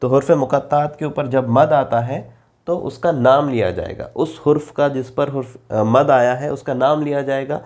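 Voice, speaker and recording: Slow, patient male Quran reading teacher. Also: mid-range voice, a little mellow. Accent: Urdu. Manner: drawls example syllables slowly and at length. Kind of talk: slow explanatory lesson.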